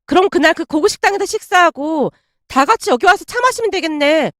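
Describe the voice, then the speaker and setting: A woman voicing a sharp-tongued young woman who scornfully orders a former classmate around in a storybook drama. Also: very high voice, expressive, fairly quick, dry recording, studio quality, pitched above the performer's own voice. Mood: scheming. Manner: irritable, commanding, scornful.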